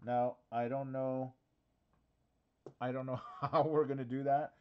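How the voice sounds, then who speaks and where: A man chats casually into a live office camera, hesitating, filling gaps and restarting his thoughts as he goes. He has the hiccups, and the sound is a little dull and lo-fi. His pitch sits in a middle range. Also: flat delivery, measured pace. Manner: chatty, hesitant, thinking aloud with fillers. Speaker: diorama workshop host.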